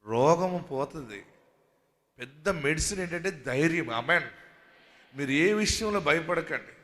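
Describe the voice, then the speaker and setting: A male pastor with a fairly high, bright, forceful voice delivers a sermon. He moves from chatty storytelling with asides into emphatic preaching that swells to shouts. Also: normal speed.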